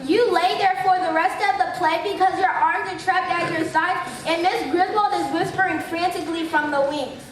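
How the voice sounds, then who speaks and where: A young woman narrating a school stage play in an expressive, wry storytelling manner. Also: very high-pitched, moderate pace, few pauses, slight background noise. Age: young adult. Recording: echoey auditorium from far off.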